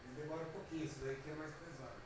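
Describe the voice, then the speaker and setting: A man casually explaining to a friend how to play, in quick offhand remarks. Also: a little high, steady tone, husky, rough recording. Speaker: friend guiding the player.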